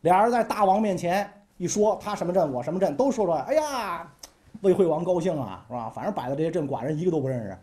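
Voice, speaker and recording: A man's voice: high voice, very animated, fast, mellow. A man telling history in a casual, colloquial way, often asking his listeners "right?". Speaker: storyteller.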